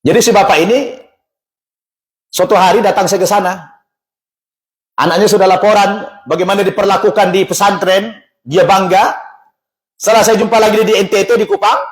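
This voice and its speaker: A man giving a religious talk at a mosque, telling a story in an animated way and acting out the dialogue. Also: sits high, normal speed, long pauses. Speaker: religious teacher.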